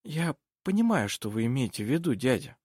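A hesitant, worried young traveler in an audiobook, voiced by the narrator. The delivery is lively in pitch and recorded dry. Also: male voice, fairly quick, husky, dry recording. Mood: uneasy. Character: uneasy young male traveler, a nephew.

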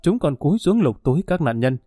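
A man narrating a crime audiobook in a steady, dramatic way. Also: on the high side, fairly quick, dry recording, studio quality.

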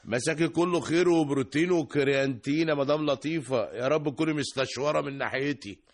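An actor playing a cheeky, meddling Egyptian barber in a radio drama, with a flirtatious way of talking. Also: male voice, fairly high pitch, fast talker. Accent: Egyptian Arabic.

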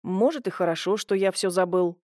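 A woman voicing a playful, teasing young man in an audiobook, pitching her voice lower and softer. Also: brisk, dry recording, clean studio sound, close to an everyday voice. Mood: dreamy. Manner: teasing, warm and easygoing.

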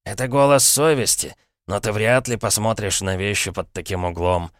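A man voicing a sly, pompous middle-aged uncle, smooth and mock-courteous, with an ironic tone. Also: fairly low pitch, steady tone, moderate pace, no room sound, clean studio sound, lightly acted. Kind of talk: audiobook character voice.

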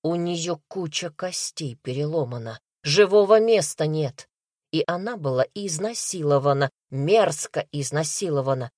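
This audiobook clip has a woman voicing a male detective who furiously interrogates a suspect, barking harsh, pressing questions. Her low, darkish voice is expressive and a little slow, recorded in a clean studio with no echo.

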